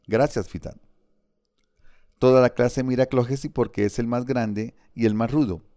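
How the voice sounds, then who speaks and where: A man narrating an audiobook in a measured, vivid storytelling manner. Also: mid-range voice, fairly even intonation, mellow, clean tone, no room sound, clean studio sound.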